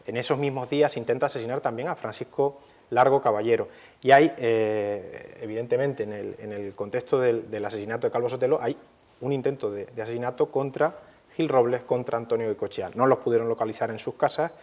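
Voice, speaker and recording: A history commentator, male, explains history off the cuff at a middling pitch, measured and didactic. He often hesitates and repeats a word before continuing, and his voice is a little mellow.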